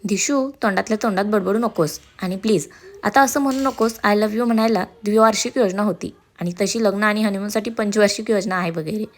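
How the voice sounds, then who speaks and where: A woman's voice: on the high side, fairly quick. A woman doing a sarcastic teasing young man. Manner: sarcastic, hyper, complaining.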